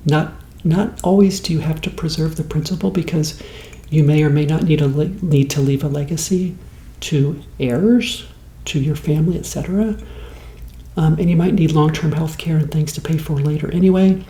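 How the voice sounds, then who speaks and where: A man in his late fifties talking in a slow, rambling, soft-spoken ASMR way, as host of the show. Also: fairly high pitch, fairly even intonation, echoey room. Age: 50s.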